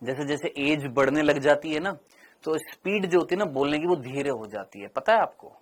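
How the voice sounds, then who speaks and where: A middle-aged male teacher giving a biology lecture, asking questions and answering them himself, and drawing out key words slowly. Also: on the high side, animated. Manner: stretches out key terms slowly.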